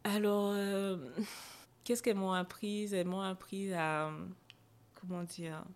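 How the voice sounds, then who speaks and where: A woman's voice: medium pitch, flat delivery, slow. A young adult woman, a podcast guest, recounting a personal experience with hesitations, fillers and emotion. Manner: hesitant, frequent fillers and restarts. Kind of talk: personal storytelling in a podcast interview.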